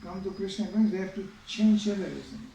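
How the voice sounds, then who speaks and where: A man with a high yet mellow voice tells a sermon story, speaking conversationally and checking in with his listeners. He sounds distant from the mic in an echoey hall. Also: fast talker, vocal fry, highs cut off, a little hiss or hum. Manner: conversational, many asides to the audience. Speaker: spiritual teacher giving a scripture class.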